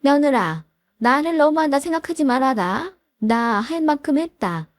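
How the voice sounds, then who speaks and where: A woman's voice: sits high, animated, moderate pace, no echo. A woman voicing a pushy elderly mother-in-law who scolds and makes demands, read for a drama-style story. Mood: whiny demanding.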